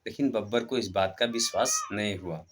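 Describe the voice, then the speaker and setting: A man's voice: lowish voice, a little fast, fairly bright tone, slight background noise. A man narrating a motivational fable in a plain, conversational way. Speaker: storyteller. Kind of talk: motivational storytelling.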